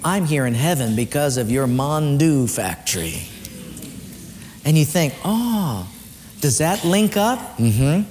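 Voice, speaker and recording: A man preaching a sermon as a pastor, swinging from loud raised lines down to quiet low ones. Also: very animated, takes it slowly. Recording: long hall reverb, faint room noise.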